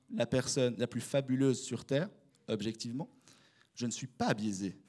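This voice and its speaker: A young man with a Swiss French accent preaching a casual, conversational sermon, speaking straight to his listeners. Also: medium pitch. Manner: animated, conversational, addresses the congregation directly.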